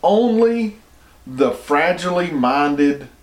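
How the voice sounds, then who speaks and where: A man's voice: on the high side, lively intonation, takes it slowly. American male commentator, pushy opinion rant, slightly raised voice, echoey room. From United States. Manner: emphatic, argumentative, repeats words while restarting. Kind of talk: opinion monologue.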